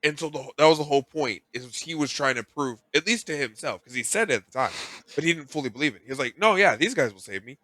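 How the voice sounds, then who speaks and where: Bright-voiced man co-hosting a podcast. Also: a little high, fast talker, no echo. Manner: teasing, animated bursts of emphasis. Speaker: podcast co-host. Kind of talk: casual chat.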